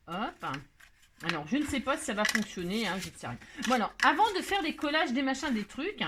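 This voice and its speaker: A woman's voice: mid-range voice, background noise. A woman hosting a casual craft tutorial, chatty and scatterbrained, laughing at herself as she works. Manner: sings playfully while working.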